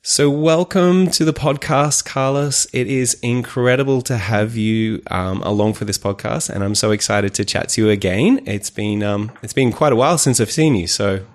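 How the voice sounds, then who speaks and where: A man's voice: mid-range voice, moderate pace, hardly any pauses. A man hosting a podcast, greeting his guest with enthusiasm and asking curious questions. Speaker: podcast host. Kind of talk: podcast intro and interview. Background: loud music during intro.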